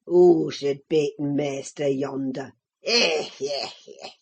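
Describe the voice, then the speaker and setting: A woman voicing a spiteful, gloating old male servant with a broad Yorkshire dialect and a croaking voice. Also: low-pitched, steady tone, slow, voice pushed down, full character voice. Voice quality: croaking, gravelly.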